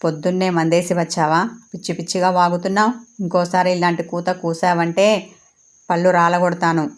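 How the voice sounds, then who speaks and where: An indignant young wife who bristles with sharp retorts, voiced by a woman storyteller. Her voice stays low and fairly level in pitch. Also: flat delivery, moderate pace, lightly acted. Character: proud angry young wife.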